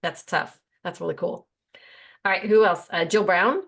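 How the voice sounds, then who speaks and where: A woman's voice: on the low side, moderate pace. Chatty woman hosting a video call. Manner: chatty, warm introductions, connects people. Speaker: host. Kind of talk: casual video call chat.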